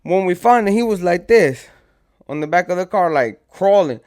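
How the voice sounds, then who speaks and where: A man with a clear, resonant, slightly high voice tells a story from his own past. He talks in casual street slang and rambles from one detail to the next. He acts out what his friends said as he goes. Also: animated, normal speed, darkish tone.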